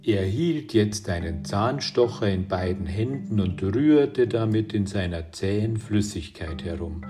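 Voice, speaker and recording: A man reading a children's book aloud in a calm, unhurried storytelling manner. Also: on the low side. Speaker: audiobook reader.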